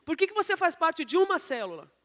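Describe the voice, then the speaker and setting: High-voiced woman preaching in a church hall. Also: very animated, fast, fairly bright tone. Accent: Brazilian Portuguese. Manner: rhetorical questions to the congregation. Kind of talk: sermon. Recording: church hall with long reverb.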